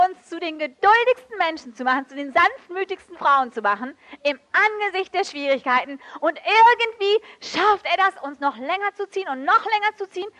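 A woman preaching a sermon with emotive swings between loud outbursts and soft, hushed passages. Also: very high voice. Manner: switches briefly into English.

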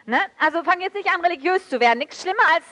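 High, bright, emotive woman preacher. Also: animated, fast talker. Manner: emotive, swings from loud outbursts to soft near-whispers; switches briefly into English. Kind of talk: sermon.

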